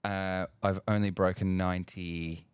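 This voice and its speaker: A young Australian man co-hosting a casual sports podcast, relaxed, swearing casually and filling pauses with ums. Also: deep voice, clear, resonant tone, no room sound, clean studio sound. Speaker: podcast co-host.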